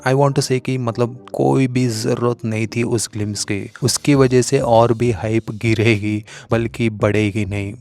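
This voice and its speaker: A man's voice: medium pitch, steady tone, measured pace, hardly any pauses, a little mellow. A man casually giving a blunt, critical film review, mixing English phrases into his Hindi. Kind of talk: casual opinion vlog.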